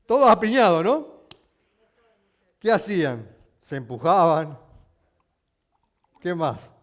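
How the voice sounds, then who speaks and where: A male pastor preaching a sermon, telling stories with animation and asking his congregation questions, at times rising to near shouting. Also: sits high, big pitch swings, takes it slowly. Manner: addresses the congregation with frequent questions.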